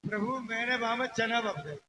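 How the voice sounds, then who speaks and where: A man's voice: extremely high pitch, animated, brisk, noisy background. A man with a playing a simple village farmer, wailing and complaining in a comic, exaggerated way in a folk stage play. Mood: whiny.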